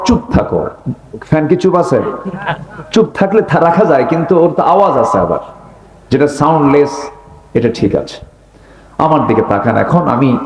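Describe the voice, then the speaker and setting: A man's voice: on the high side, a little mellow, echoey room, low-quality recording. A man preaching a sermon with fire, throwing rhetorical questions at the gathering. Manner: fiery, rhetorical questions to the crowd. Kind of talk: Bengali waz sermon.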